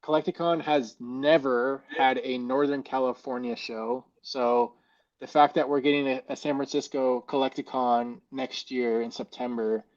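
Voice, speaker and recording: A man's voice: mid-range voice, fairly even intonation, moderate pace. A man with an American accent chatting casually as a podcast guest, feeling for his words, his voice muffled as if underwater in a fishbowl. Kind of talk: casual chat.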